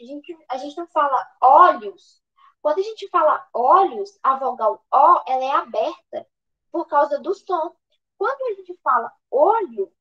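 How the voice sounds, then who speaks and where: This is a muffled recording of a woman with a high-sitting voice and a Brazilian accent teaching grammar online to exam candidates. She answers her own questions and restarts sentences again and again.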